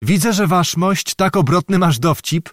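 A man voicing a gentle, polite young noblewoman in a storybook. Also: sits high, lively intonation, normal speed, no room sound, studio quality, pitched above the performer's own voice. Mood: grateful.

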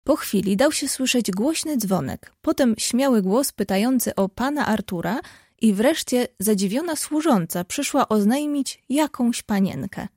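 A woman narrates a classic storybook with calm, even delivery. Her voice sits fairly high and is recorded close and dry, with no room sound. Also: a little slow, no echo. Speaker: audiobook narrator.

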